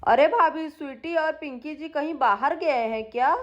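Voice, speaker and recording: A woman voicing a friendly young village man in a doll story, speaking in a relaxed, slightly lowered voice. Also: normal speed, lo-fi sound, a little hiss or hum. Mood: easygoing. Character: young village man, easygoing uncle figure.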